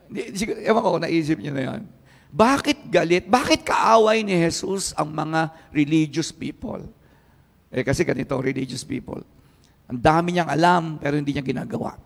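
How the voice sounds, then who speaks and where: A Filipino man preaching a sermon as pastor, animated and teasing, switching between Tagalog and English. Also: sits high, creaky, in a large hall. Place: church hall.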